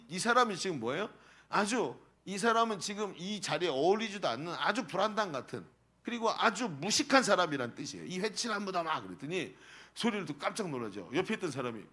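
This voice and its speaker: A man's voice: sits high, fairly bright tone, husky. A male pastor preaching a sermon, asking the congregation rhetorical questions.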